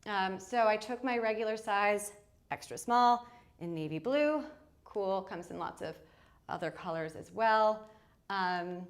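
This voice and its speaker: A woman hosting a live fashion shopping stream, chatting upbeat with many fillers. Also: medium pitch. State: out of breath. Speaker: fashion livestream host. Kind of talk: casual live shopping chat. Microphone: moving away from the mic while changing outfits.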